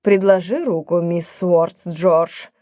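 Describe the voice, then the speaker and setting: A woman's voice: lowish voice, takes it slowly, warm tone, dry recording, studio quality. A woman reading a stern old father. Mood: stiff.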